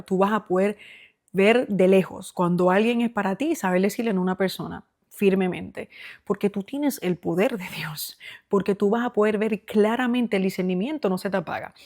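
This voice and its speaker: A woman's voice: mid-range voice, a little mellow. Earnest woman preaching on a faith podcast. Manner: earnest and exhorting, addresses the listener as "hermano"; shares personal testimony. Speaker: podcast host. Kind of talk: faith talk, preaching to the listener.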